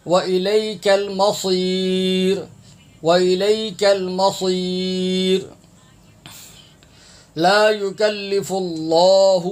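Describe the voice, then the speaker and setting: Brief: male Quran teacher with a Pakistani Urdu accent, high voice, drawn-out chanting between brisk explanations. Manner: recites verses slowly and melodically, then explains rules quickly. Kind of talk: tajweed lesson with slow recitation.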